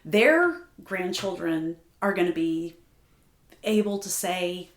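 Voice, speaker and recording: A woman's voice: lowish voice, slow. Heartfelt woman storyteller in an echoey room. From Tulsa, Oklahoma. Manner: animated, heartfelt, laughs easily. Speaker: guest, grant writer. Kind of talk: conversational storytelling.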